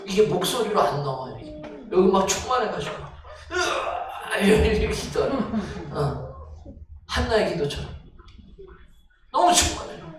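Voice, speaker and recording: Emphatic Korean-speaking pastor, high lively voice. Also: male voice, normal speed, pauses often, faint music behind. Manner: emphatic preaching, rising to near-shouts; talks straight to the congregation with questions. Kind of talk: sermon. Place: church sanctuary. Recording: echoey church hall, distant mic, noisy.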